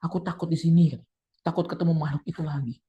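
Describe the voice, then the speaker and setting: A man voicing an alarmed young woman friend who pleads in a high, quick, urgent voice. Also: fairly even intonation, dark tone, lo-fi sound, lightly acted.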